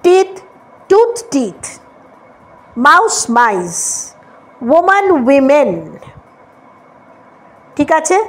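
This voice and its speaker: High-voiced woman teaching English. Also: sing-song, very slow, pauses often. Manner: spells words letter by letter, checks understanding often. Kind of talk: Bengali-language English lesson.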